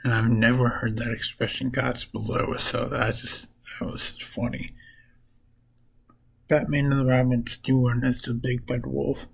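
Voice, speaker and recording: A man walks through comic plots at an unhurried, deliberate pace, his voice gravelly with fry and a husky edge. He talks casually and haltingly, retelling the story bit by bit. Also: medium pitch, flat delivery, rough recording. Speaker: comic book reviewer.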